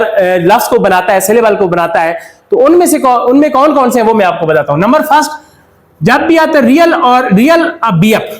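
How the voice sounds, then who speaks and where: A man's voice: extremely high pitch, roomy sound. A man with a Pakistani Urdu accent, giving a step-by-step classroom lesson and answering his own questions. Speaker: Korean language teacher.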